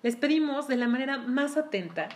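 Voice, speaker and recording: A woman's voice: high voice, fairly quick. Laughing woman co-hosting a chat. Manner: laughs often, animated. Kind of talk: casual group chat.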